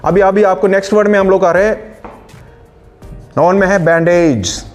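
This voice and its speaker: A man teaching English grammar in Hindi, explaining words slowly and reading out English example sentences. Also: high-pitched, fairly even intonation, soft background music. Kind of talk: online spoken-English lesson in Hindi.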